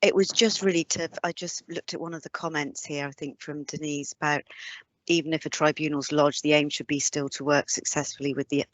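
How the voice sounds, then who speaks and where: A woman's voice: low voice, steady tone, fairly quick, dry recording. Hesitant woman on a dry call. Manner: hesitant, reflective, many fillers. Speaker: co-presenter. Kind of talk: webinar discussion. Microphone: video call. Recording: dull, dry lo-fi call audio.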